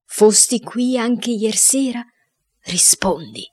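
A woman voicing a credulous male cook leading a séance, with a hushed but commanding manner. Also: medium pitch, takes it slowly, breathy edge, pitched above the performer's own voice.

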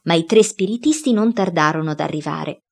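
A woman reading a boy's first-person diary story aloud, in a lively storytelling way. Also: fairly low pitch, brisk, vocal fry. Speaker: reader.

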